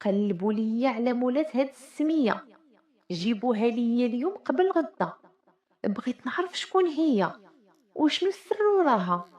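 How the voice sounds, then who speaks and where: A woman's voice: fairly high pitch, animated, moderate pace, darkish tone, pitched above the performer's own voice, lightly acted. A woman with a Moroccan accent voicing a proud, commanding sultan troubled by his dreams, speaking in an imperious, questioning way.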